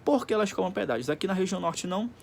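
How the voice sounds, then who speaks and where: Guy teaching class, kinda high and gravelly, faint hiss behind. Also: expressive, very fast, a little mellow. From Pará, Brazil. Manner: explains simply, often checks in with "tá?". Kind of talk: recorded classroom lesson.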